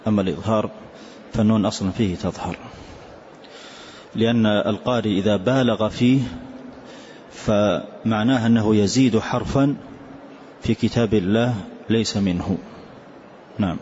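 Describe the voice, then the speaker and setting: A man teaching a tajweed lesson, explaining slowly and reciting short words to demonstrate pronunciation. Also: fairly low pitch, darkish tone. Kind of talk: classroom lesson on tajweed rules. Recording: dull lo-fi lecture recording with faint hiss.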